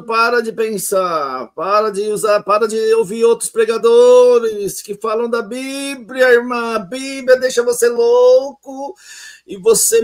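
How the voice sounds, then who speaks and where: A man's voice: very high voice, voice pushed up. A man putting on the voice of a zealous male church preacher who scolds a doubting sister in a preachy, sing-song way.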